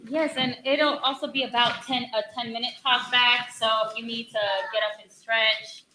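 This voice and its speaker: A woman's voice: on the high side, level tone, normal speed, pushed and bright. A woman hosting a live stage event, making upbeat announcements and rallying the audience. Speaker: event host. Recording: echoey theater with audience noise.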